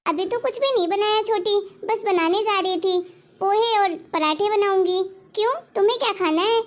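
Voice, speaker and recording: A woman playing a patient young daughter-in-law who gently pleads with her mother-in-law and protects her little sister in a homemade family drama. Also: very high-pitched, normal speed. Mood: gentle. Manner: soft, pleading, polite. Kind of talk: homemade web-drama acting.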